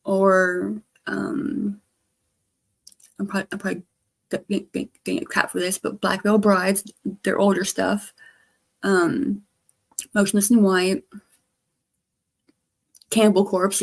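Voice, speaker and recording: A woman livestreamer chatting casually in a halting, rambling way, her speech slightly slurred by missing front teeth. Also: medium pitch, vocal fry. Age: adult, grown past teens. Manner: halting, trailing off with repeated stammered starts.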